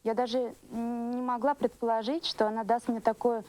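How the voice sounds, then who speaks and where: A woman's voice: a little high, little pitch movement, moderate pace, warm tone, close to an everyday voice. A woman playing a sporty, satisfied customer in a scripted commercial testimonial. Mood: pleased. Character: satisfied female customer, sporty volleyball player.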